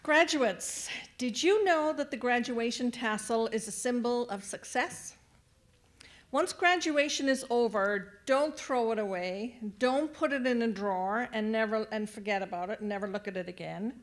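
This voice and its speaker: A woman with a somewhat high voice delivers a graduation ceremony speech into a podium microphone. She addresses the graduates directly, giving them step-by-step instructions in a large venue. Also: normal speed. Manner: warm, directing the crowd with instructions. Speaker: adult education staff speaker at graduation.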